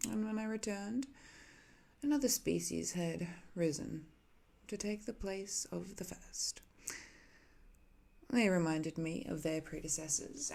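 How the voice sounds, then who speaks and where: A woman plays an ancient, cursed living weapon in an intimate ASMR roleplay, portraying a soft-spoken, wistful villain who muses hesitantly and sometimes dips toward a whisper. Her voice is on the low side and gravelly, delivered as a full character voice.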